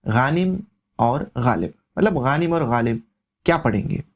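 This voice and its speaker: Male language tutor, mid-pitched, methodical, glosses each term and repeats it. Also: expressive, dull audio. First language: Urdu. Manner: translates word by word, repeating each meaning. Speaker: Arabic teacher. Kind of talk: explaining vocabulary line by line.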